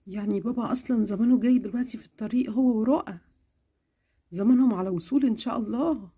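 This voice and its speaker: A caring cartoon mother, as a woman puts her on, gentle and affectionate with an Egyptian accent. Her voice is pitched lower than the child's, mellow and dark in tone. She turns firm and quicker when she scolds. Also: breathy edge. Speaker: cartoon character.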